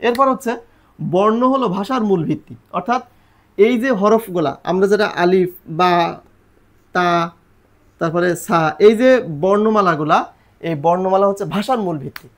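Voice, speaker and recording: High-voiced man teaching the alphabet. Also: normal speed, pauses often. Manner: patient, repeats letters and drills pronunciation. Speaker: Quran and Arabic alphabet teacher. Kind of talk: recorded lesson for viewers.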